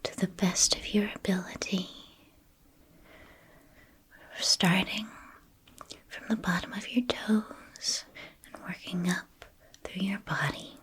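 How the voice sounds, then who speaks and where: Whispering gently and soothingly, a woman leads a guided ASMR meditation in measured phrases separated by long pauses. Her voice sits in the mid range with a level tone.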